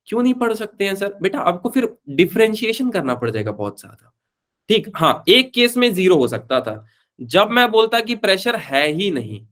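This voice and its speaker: A man runs a live online physics class in a slightly high voice. He is chatty and informal, calls his students beta, and slips English phrases into his Hindi explanations. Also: fairly bright tone. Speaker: physics teacher.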